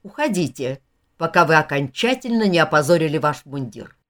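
A woman's voice: on the low side, very animated, a little slow. A woman voicing a proud, composed widow hostess who speaks in a cold, curt and commanding way.

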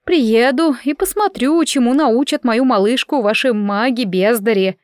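Audiobook: a woman voicing an older aunt, fussy professor, slow and trembly, dry close sound. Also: a little high, dry recording, pitched above the performer's own voice, natural voice. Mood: tearful.

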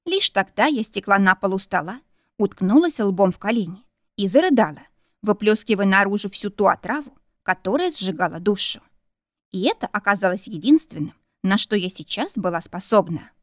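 A woman's voice: medium pitch, animated, normal speed, no room sound. Female audiobook narrator, emotional first-person read, dry studio sound. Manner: emotional, vivid storytelling.

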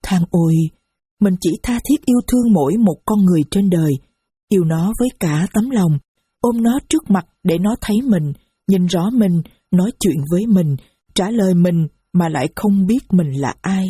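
A woman's voice: on the low side, expressive, normal speed, dark tone, husky, no room sound, clean studio sound. A woman narrating a first-person story with a grave, sorrowful delivery. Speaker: audiobook narrator.

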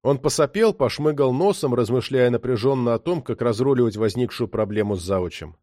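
A man narrating an audiobook with an expressive reading. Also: medium pitch, brisk, no echo, clean studio sound. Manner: expressive reading, voices the characters. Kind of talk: scripted narration.

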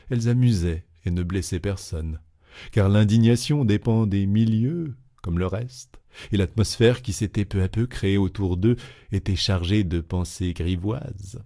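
A man reading a classic novel aloud in a measured, expressive narration. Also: sits low. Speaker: audiobook reader.

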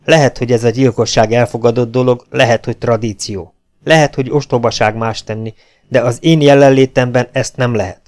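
A man's voice: medium pitch, fairly even intonation, darkish tone, lightly acted. A man reading an audiobook who voices a stern, principled male baron serving as a legionnaire, speaking firmly and commandingly. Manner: commanding, firm, raised voice. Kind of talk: audiobook character voice.

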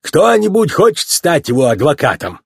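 A strict male sheriff police car calls the court to order in a storybook, as a man voices him. He speaks formally and loudly, with a husky tone and lively rises in pitch. The sound is dry and close. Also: moderate pace, dry recording, exaggerated voice. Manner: formal, loud announcing.

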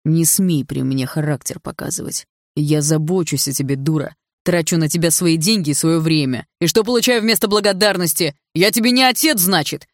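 A cold, controlling stepfather who threatens in a calm, condescending tone, read by a woman. The voice sits low and steady. It is recorded close and dry, with no room sound. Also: a little fast, creaky, no echo. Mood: harsh. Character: cold controlling stepfather, middle-aged man.

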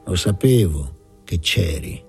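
A man's voice: low voice, expressive, slow, gravelly, a little mellow, faint music behind, voice pushed down, heavily acted. A man reading aloud, voicing a menacing fascist squad leader who bullies and commands. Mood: bullying. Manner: bullying, commanding.

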